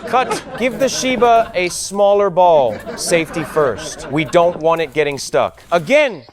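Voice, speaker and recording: A man's voice: high voice, animated, unhurried, noisy background. A man playing a film director on set, calling cut and again in a bossy, exasperated way. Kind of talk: scripted comedic narration.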